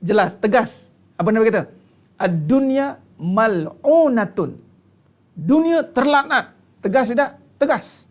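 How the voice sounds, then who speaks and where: A man's voice: extremely high pitch, expressive, normal speed. A man with a Malaysian Malay accent preaching to a congregation, emphatic, stretching key words and firing rhetorical questions. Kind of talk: religious lecture to a congregation.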